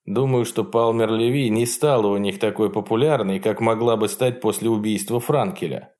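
A man's voice: lowish voice, fairly even intonation, normal speed, darkish tone, close to an everyday voice. A man voicing a dry, faintly ironic male political leader in an audiobook reading.

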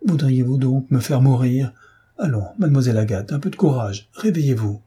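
A man's voice: mid-range voice, moderate pace, mellow, breathy edge. A man voicing an anxious old father, pleading and fretful.

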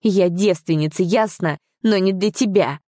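A woman voicing a defiant, frightened young woman who snaps back in shrill outbursts. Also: normal speed, warm tone, no room sound, studio quality, lightly acted. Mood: angry, defiant.

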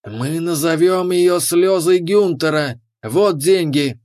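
A man voicing a gruff, scarred male alien lizard arms buyer who hisses his words. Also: on the high side, slow, darkish tone, pitched above the performer's own voice. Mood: reverent. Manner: hissing.

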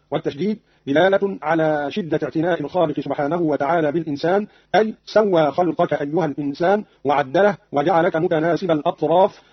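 A man giving a formal scripted explanation of Quranic reading variants in a deliberate classical delivery, on an old radio archive recording. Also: a little high, husky, dry recording, lo-fi sound.

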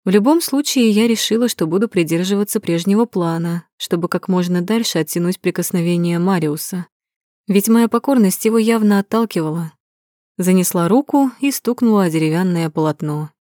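A woman's voice: fairly low pitch, fairly quick, mellow, dry recording. A woman narrating a romance novel in the first person, reading expressively and dramatically on a close mic. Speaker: audiobook narrator.

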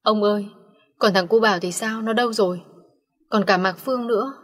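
A woman's voice: mid-range voice, brisk, natural voice. A woman voicing a distraught elderly mother who laments tearfully and pleads with her husband. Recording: long reverb.

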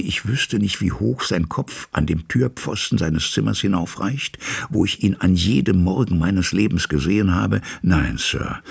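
A man voicing a loyal, frightened old male manservant who drops into hushed whispers, with a gravelly, husky voice. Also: deep voice, pitched above the performer's own voice, exaggerated voice. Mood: fearful.

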